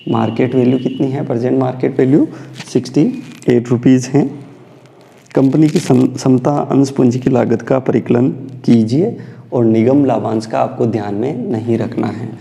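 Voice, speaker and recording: A man lectures through a commerce problem, asking himself questions and answering them. His voice is very dark and gravelly. A long reverb hangs behind each phrase. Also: medium pitch, moderate pace. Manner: mixes Hindi with English terms, asks and answers his own questions. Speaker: commerce teacher. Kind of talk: lecture solving problems step by step.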